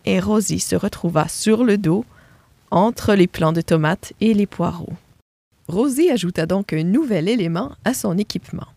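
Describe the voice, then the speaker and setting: A woman reading a children's picture book aloud with expressive, animated narration. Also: mid-range voice, moderate pace, gravelly, no echo. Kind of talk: storybook reading.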